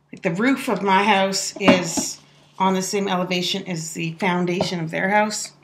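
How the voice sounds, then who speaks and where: A woman's voice: mid-range voice, background noise. A woman telling a funny story in a casual, chatty voice-over, laughing often as she talks. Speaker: soap maker telling a story.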